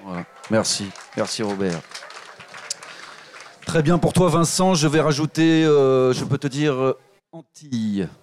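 Lively man hosting a live reading. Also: medium pitch, unhurried, pauses often, slight background noise. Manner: lively, encouraging, addresses the audience directly. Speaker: host of a public reading event.

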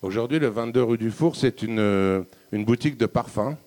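A man's voice: mid-range voice, moderate pace, a little mellow. A middle-aged man, an author, telling a reflective story at a live book talk, hesitating and restarting often. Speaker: author guest. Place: public hall with audience.

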